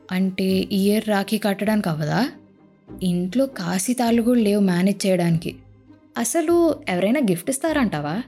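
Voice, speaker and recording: Her voice is medium in pitch and mellow. A young woman hosting a podcast addresses listeners directly in a playful monologue that mocks herself, dramatizing her anxious thoughts and slipping in English phrases.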